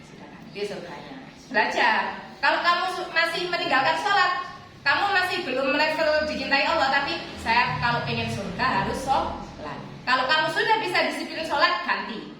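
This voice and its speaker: A woman's voice: high voice, bright, forceful tone, slight background noise. A woman with an East Javanese accent giving a casual religious lesson to students, asking rhetorical questions and answering them herself. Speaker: religious teacher addressing students. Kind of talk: informal religious lesson with a personal story. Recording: echoey room picked up from a distance.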